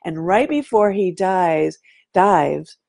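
A woman with a lowish, gravelly voice tells an animated story in a casual talk. She keeps drawing her listener in with "right?" as she goes. The sound is dry and close. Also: slow, dry recording. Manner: animated, fond of saying "right?" to draw the listener in.

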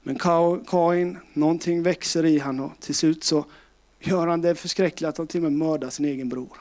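A middle-aged man preaching a sermon with passion, swinging between loud calls and hushed, tender tones. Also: on the high side, fairly even intonation. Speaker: pastor.

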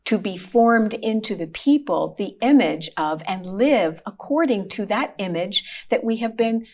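Woman, Bible show co-host, mid-pitched voice, reflective, quotes verses, rhetorical questions. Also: animated, a little slow, darkish tone. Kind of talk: scripture discussion.

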